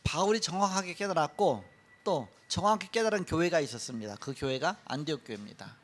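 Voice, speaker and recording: A middle-aged male pastor giving a sermon, telling a story with lively acted-out quotes. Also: a little high, fast talker. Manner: animated storytelling, acts out quoted lines.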